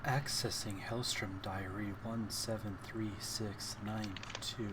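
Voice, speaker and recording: Man playing a flat, formal computer, faint background noise. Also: on the low side, slow. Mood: impassive. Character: emotionless facility computer answering queries.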